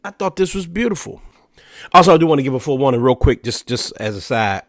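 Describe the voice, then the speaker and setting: This man hosts a podcast, speaking very animatedly and fast in a mid-range voice. He's a bit nasal and congested from allergies, rambling casually on his own with frequent "you know"s and restarts. The sound is clean studio quality, echo-free.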